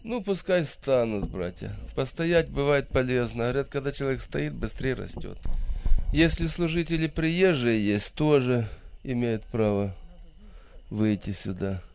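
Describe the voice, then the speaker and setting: Man, 50s, presbyter hosting the gathering; folksy, a bit gravelly. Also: medium pitch, expressive, unhurried. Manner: folksy, gently joking leader. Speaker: church presbyter leading the meeting. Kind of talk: addressing a church congregation.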